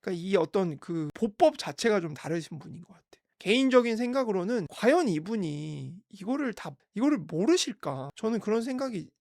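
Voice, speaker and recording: A man's voice: high-pitched, big pitch swings, fairly quick, hardly any pauses, darkish tone, dry recording, studio quality. A man hosting a real estate channel, giving casual, sarcastic commentary on housing prices and a televised debate. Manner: sarcastic, talks over quoted debate clips.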